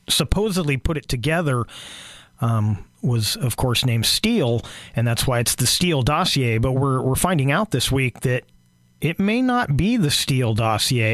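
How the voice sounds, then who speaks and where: Hoarse man with halting political commentary. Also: mid-range voice, no room sound. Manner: halting, many fillers and restarts. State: losing his voice, clearing throat.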